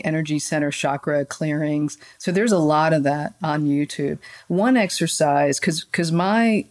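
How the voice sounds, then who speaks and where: Low-pitched woman, calm and flowing, talks listeners through a meditation like a soft guide. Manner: calm, flowing, gently guiding. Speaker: podcast guest, spiritual channeler. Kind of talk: conversational podcast interview.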